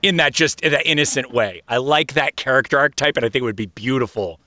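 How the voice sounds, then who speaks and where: Male co-host, bright tone, halting delivery with quick jokes. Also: mid-range voice, no room sound. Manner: halting, repeats words, joking asides. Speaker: podcast co-host. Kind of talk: casual podcast discussion.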